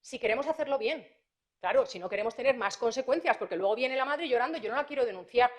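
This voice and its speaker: A woman prosecutor, giving a conference talk to parents in a lively, anecdotal way, acting out dialogues as she goes. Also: a little high, fast talker.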